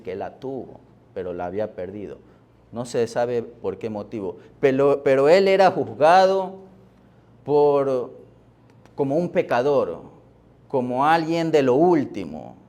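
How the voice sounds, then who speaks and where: A man preaching a sermon as pastor, deliberate, with pauses and fillers, rising in force on key words. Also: mid-range voice, darkish tone. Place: church.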